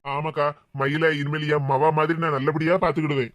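A woman voicing a humble, apologetic younger man of the family in an animated cartoon, speaking a southern Tamil Tirunelveli-Kanyakumari dialect in a deferential way. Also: low-pitched, fairly quick, noisy background, close to an everyday voice.

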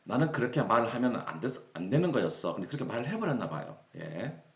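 A Korean man teaching English phrases, reading each example sentence slowly and deliberately. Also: medium pitch, big pitch swings, gravelly. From South Korea. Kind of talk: explaining English phrases in a lesson. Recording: roomy, dull lo-fi sound.

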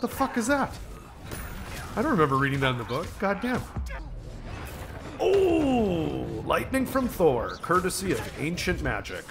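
A man's voice: high-pitched, wildly swooping pitch, unhurried, creaky, pauses often, music in the background. A man hosting a gaming channel, giving casual let's-play commentary in a profane, joking way. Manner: profane, joking, laughs at himself.

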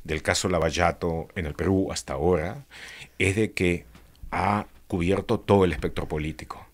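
Man, talk-show guest, slightly low voice, hesitant fillers. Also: fairly even intonation. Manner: measured, with many filler pauses. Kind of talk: political talk show conversation.

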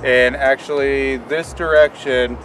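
A man's voice: mid-range voice, fairly even intonation, slow, a bit bright. Man, exploration vlog co-host, rambling and thoughtful, recorded outdoors at a distance over background music. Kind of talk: casual on-location explaining. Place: outdoors on a residential street.

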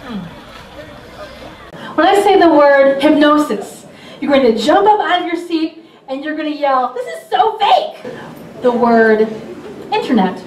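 High, lively woman stage hypnotist. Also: unhurried, pauses often, slight background noise. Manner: soothing trance induction, then playful commands. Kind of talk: live comedy hypnosis show. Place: large hall with audience. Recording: echoey hall, distant mic, loud crowd.

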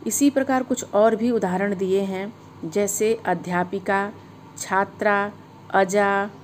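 A woman teacher giving a grammar lesson, speaking slowly and deliberately and spelling words out sound by sound. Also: medium pitch, fairly bright tone, a little hiss or hum.

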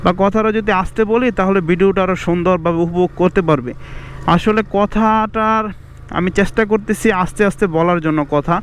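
A young man with a Bangladeshi Bengali accent, vlogging casually outdoors in fast, chatty talk mixed with English words. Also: sits high, a little hiss or hum. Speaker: motovlogger. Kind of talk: casual outdoor moto vlog. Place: outdoors by a roadside.

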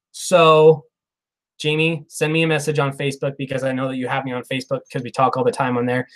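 In a small room with a plain wall behind him, a man in his thirties hosts a laid-back live Q&A stream through a clip-on lapel mic. His voice is mid-range, and he reads viewer comments in an upbeat, chatty style, laughing frequently.

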